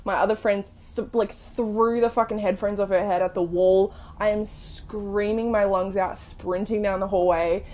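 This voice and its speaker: A young woman hosting a casual storytelling podcast, telling ghost stories in an animated, sweary way full of fillers. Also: mid-range voice, normal speed, hardly any pauses, slight background noise. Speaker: podcast host.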